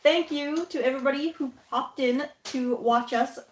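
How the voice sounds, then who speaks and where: A woman's voice: high voice, moderate pace, a little hiss or hum. A woman hosting a casual livestream, chatty and often laughing, talking from a home basement. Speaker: livestream host. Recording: roomy echoey room.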